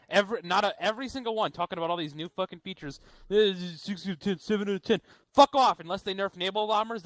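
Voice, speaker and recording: A man's voice: fairly high pitch, a bit bright, no room sound. A young man in a squad voice chat, bantering with friends in a profane, mock-boastful way over a headset. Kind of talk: casual gaming banter.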